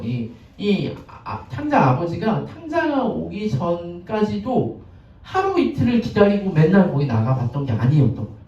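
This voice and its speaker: Lively high-voiced pastor in an echoey church. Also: male voice. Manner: chatty, asks the congregation questions, acts out scenes. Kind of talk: conversational sermon. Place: church sanctuary. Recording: echoey, distant, dull lo-fi sound.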